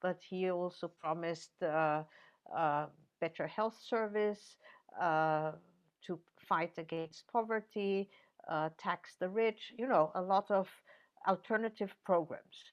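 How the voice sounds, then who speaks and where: An older woman speaks slowly and deliberately, giving an academic answer in an interview. Her voice sits fairly low, and she pauses often on fillers and restarts. The sound is dull and lo-fi, like a video call. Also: clear, resonant tone. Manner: measured, many fillers and restarts. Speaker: interviewee, professor.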